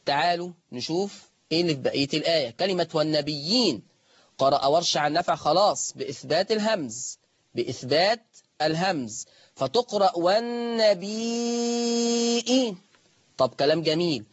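A man with an Egyptian accent teaching Quran recitation rules step by step in colloquial speech, drawing out the example words slowly. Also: on the high side, expressive, husky, dry recording, highs cut off. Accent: Egyptian Arabic. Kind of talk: lesson on the reading of Warsh.

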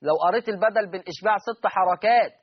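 High-voiced Egyptian teacher, muffled sound. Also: male voice, very fast, slightly rough. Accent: Egyptian Arabic. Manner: patient, repeats key points, quizzes students. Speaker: Quran recitation teacher. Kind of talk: explaining a recitation lesson.

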